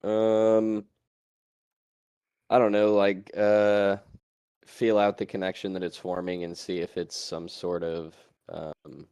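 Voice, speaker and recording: A low-pitched man speaks as a player at a tabletop game. The sound is dry and close. He talks his ideas through in a thoughtful, searching way. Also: monotone, takes it slowly, a little mellow, smooth, no room sound. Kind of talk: casual tabletop play.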